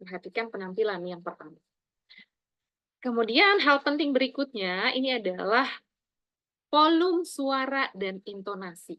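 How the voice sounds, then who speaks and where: A middle-aged woman lecturing her students, speaking in an animated, emphatic way and addressing them fondly as her children. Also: unhurried, long pauses, no room sound, highs cut off. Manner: animated, addresses listeners as "Nak", emphatic swings in pitch and loudness.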